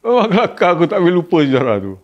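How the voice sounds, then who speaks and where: A man with a Malaysian Malay accent, casually telling a funny story about a gig. He laughs often and acts out a shrill scream. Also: very animated, fast. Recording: dull lo-fi sound.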